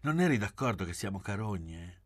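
A man voicing a flighty, provocative young woman in a literary audiobook, with sharp, mocking outbursts. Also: on the low side, sing-song, normal speed, no room sound, pitched above the performer's own voice.

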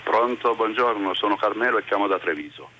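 Older male radio caller on a phone line, low-voiced. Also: lively intonation, brisk, bright, forceful tone, a little hiss or hum. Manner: indignant, argumentative about politicians. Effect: voice over a phone line into a radio show. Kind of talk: call-in to a radio talk show.

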